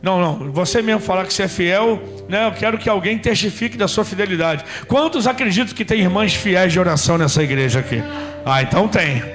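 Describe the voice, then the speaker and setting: A man's voice: high-pitched, fast, fairly bright tone, soft background music. A male pastor from Rio de preaching a sermon, telling stories and speaking straight to his congregation. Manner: storytelling preacher, addresses congregation directly.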